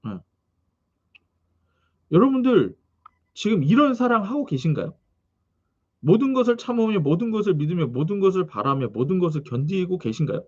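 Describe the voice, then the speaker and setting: A man preaching a sermon, reading scripture and telling its background in an animated way, with frequent questions to the congregation. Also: sits high, normal speed, pauses often, lo-fi sound. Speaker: pastor.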